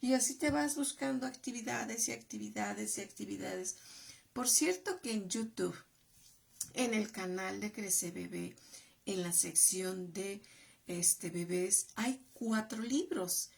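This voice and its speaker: A middle-aged woman giving parenting advice in a slow, emphatic way. She repeats phrases and drops to a whisper to stress a point. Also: mid-range voice, creaky. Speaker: parenting educator and channel host. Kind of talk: parenting advice talk to the camera.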